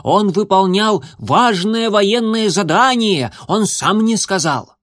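Man doing a squeaky boastful kitten. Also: slow, dry recording, studio quality, exaggerated voice. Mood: insistent. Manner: excited, bragging, high-pitched chatter. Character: eager boastful young male kitten.

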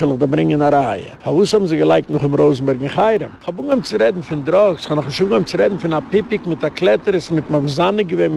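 Rabbi lecturing: gravelly, slightly high male voice, hammering points home with repetition. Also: dark tone, slight background noise. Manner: emphatic, repetitive, mixes in English phrases. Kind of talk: impassioned Yiddish-style lecture.

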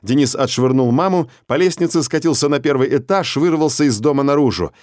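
Brief: male audiobook narrator, mid-pitched, steady and measured, dry close sound. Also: no echo.

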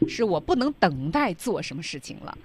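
Lively-pitched female radio lesson co-host. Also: brisk, a crowd in the background. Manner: encouraging, prompts listeners to practise.

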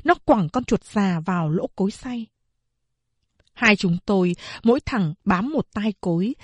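Woman, audiobook narration, husky voice, dry close sound. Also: mid-range voice, dry recording. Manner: steady storytelling. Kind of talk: scripted novel narration.

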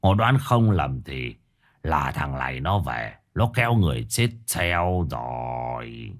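A man voicing an old male village sorcerer who speaks in a slow, low, stammering, half-whispered way. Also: sing-song, slight background noise, heavily acted. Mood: dread.

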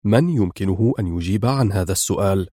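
A man's voice: on the low side, animated, fast talker, darkish tone, dry recording, studio quality, lightly acted. A man voicing a fearless male hero agent who speaks in stern, clipped commands.

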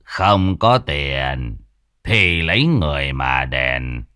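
A lecherous rich old landlord sneers in a slow, low drawl in a storybook tale, as a male narrator puts him on. His voice drops well below the teller's own and stays flat and heavy. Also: clean tone, no echo, clean studio sound, exaggerated voice. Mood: sneering.

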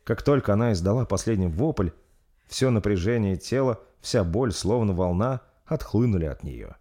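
A man narrating a dark fantasy audiobook in a steady, even delivery. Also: lowish voice, normal speed.

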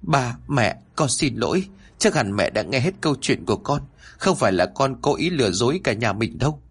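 A man's voice: mid-range voice, big pitch swings, normal speed, slightly rough. A man voicing a frightened, guilt-ridden young mother who pleads and apologizes in a horror story. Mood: pleading.

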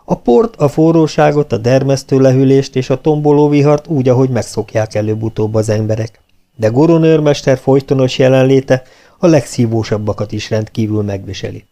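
Warm-voiced man narrating an audiobook. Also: medium pitch. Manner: expressive, lively storytelling. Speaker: audiobook reader.

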